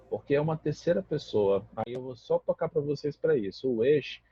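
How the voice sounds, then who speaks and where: Brazilian man, native Portuguese, English teacher, explanatory and patient, husky, lo-fi dry recording. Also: lowish voice, mellow, dry recording. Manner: explanatory, repeats and checks with "né?" and "tá?". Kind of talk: classroom grammar lesson.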